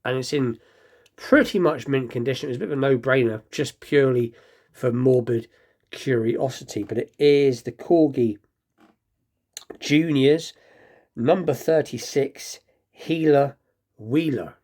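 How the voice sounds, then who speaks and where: At normal speed and with a darkish tone, a man of medium pitch hosts a laid-back diecast collecting show. He shows off items in a rambling, low-key way, lisping a bit as though he'd just bitten his tongue.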